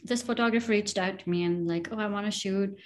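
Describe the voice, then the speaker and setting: Female designer in relaxed conversation, mid-range pitch, halting and self-effacing. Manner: self-deprecating, hesitant, halting phrasing. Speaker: fashion designer. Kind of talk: casual chat.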